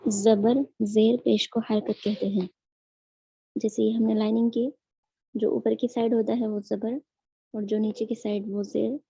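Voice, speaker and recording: A woman teaching Quran recitation in an online lesson, drilling each sound slowly and patiently. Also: a little high, vocal fry, mellow, slightly rough, no room sound, lo-fi sound.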